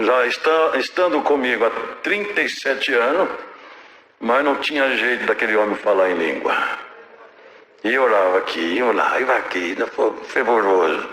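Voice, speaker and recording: An older Brazilian Portuguese–accented man, a church elder, tells his testimony with earnest conviction. His voice is bright and forceful, dropping soft when he recalls prayer. The sound rings in an echoey room. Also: medium pitch. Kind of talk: personal religious testimony.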